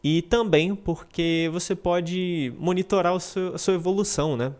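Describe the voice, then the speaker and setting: A man's voice: high voice, moderate pace, darkish tone. A man, explaining a study technique in a casual, conversational lesson, often checking in with his listener and restarting phrases. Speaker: English teacher.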